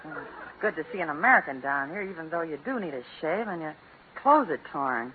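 A woman playing a brash, wisecracking American saloon girl in a 1940s radio comedy, breezy and deadpan, on an old recording. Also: deep voice, brisk. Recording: noisy narrow-band 1940s radio recording with audience.

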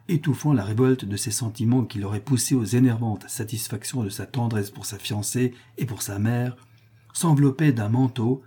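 A male narrator reads a literary novel in a measured, even way. His voice is dark and mellow, with a husky grain. The pitch sits in the middle of the male range. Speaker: audiobook narrator.

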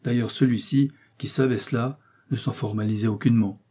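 A man reading a novel aloud in steady, measured audiobook narration. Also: mid-range voice, husky. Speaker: audiobook reader.

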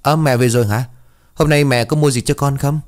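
A man's voice: mid-range voice, fairly even intonation, brisk, voice pushed up, natural voice. A man voicing a mischievous, carefree village boy with an eager, cheeky way of talking.

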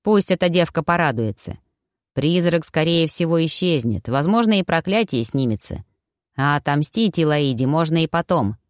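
A woman reading an audiobook, lowering her voice for a stern, gruff middle-aged uncle. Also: animated, moderate pace, dry recording, clean studio sound. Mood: grim. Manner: low, grumbling, heavy.

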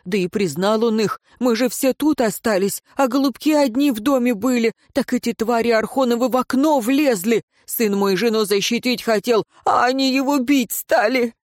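A frantic older peasant father, as a woman reader puts him on, crying out for help in a raised, strained voice that rides high with desperation. Dry, close storybook read. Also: moderate pace, hardly any pauses, dry recording, lightly acted. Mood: desperate. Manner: desperate, shouting, tearful pleading. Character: anxious peasant father, older man, loud and pleading.

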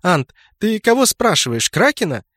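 A man reading an audiobook, voicing a lively, exclaiming young woman adventurer. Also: high voice, normal speed, dry recording, clean studio sound, pitched above the performer's own voice, full character voice.

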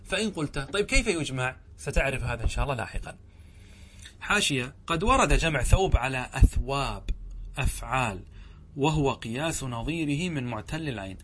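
A man teaching Arabic grammar in a lecture, often asking his students whether the point is clear. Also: medium pitch, animated, fairly bright tone, a little hiss or hum. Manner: checks understanding with frequent questions to students; reads the verse slowly, then explains it. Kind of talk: explanatory lecture.

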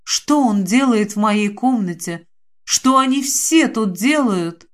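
A woman's voice: mid-range voice, lively intonation, takes it slowly. A woman reading a first-person story aloud in clipped, breathless short phrases. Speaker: audiobook narrator. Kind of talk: first-person literary narration.

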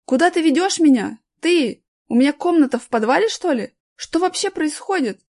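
A woman doing a loud, cheeky young boy. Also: high-pitched, unhurried. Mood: scared. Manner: loud, excited, indignant shouting. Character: boy, bold, cheeky, then frightened.

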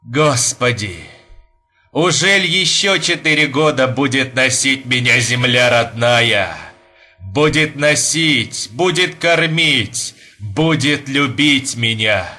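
A man's voice: medium pitch, expressive, slow pace, pushed and bright, faint music behind, exaggerated voice. A man reading an audiobook voices a fervent young Russian man who speaks in an archaic, impassioned way. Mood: anguished.

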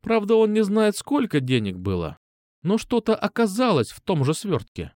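A man's voice: sits high, wildly swooping pitch, normal speed, a little mellow, no echo, clean studio sound, voice pushed up. A man reading an audiobook, voicing a caring, chatty middle-aged mother in a raised voice. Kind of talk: audiobook character voice.

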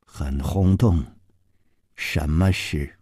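A male storyteller voicing a ruthless, imperious palace mistress who speaks low, slow and half-whispered with quiet menace. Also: breathy edge, no echo, clean studio sound, full character voice. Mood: cold menacing.

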